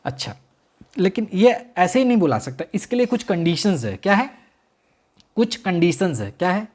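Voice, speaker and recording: A male law teacher giving a classroom-style lecture, mixing Hindi with English legal terms, repeating key phrases slowly and quizzing his students. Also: high-pitched, sing-song, a little mellow.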